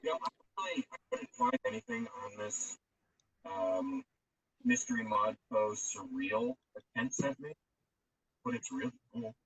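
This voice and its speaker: A man heard muffled and distant as if inside a fishbowl, talking in a low, halting way from a phone set up away from him. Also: huge pitch swings, gravelly, a bit bright, breathy edge, dry recording. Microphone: phone propped up at a distance. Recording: muffled lo-fi voice from far off the mic.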